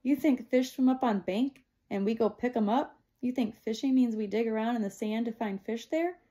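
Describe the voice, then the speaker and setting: A woman's voice: a little high, moderate pace, dark tone, close to an everyday voice. A woman reading aloud, voicing a bossy, spirited young girl who teases and talks in short, clipped phrases. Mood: taunting. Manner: teasing, clipped simple phrasing.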